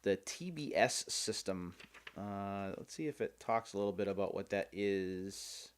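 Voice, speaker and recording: A man's voice: fairly low pitch, measured pace, smooth. A man hosting a video, giving casual, chatty unboxing commentary and thinking aloud as he goes. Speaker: host of a game unboxing video series.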